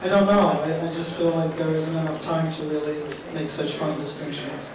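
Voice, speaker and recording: A man in his thirties, an author on a panel, talking in a halting, self-deprecating way. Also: fairly high pitch, level tone, noisy background. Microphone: handheld microphone. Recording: roomy distant sound with audience.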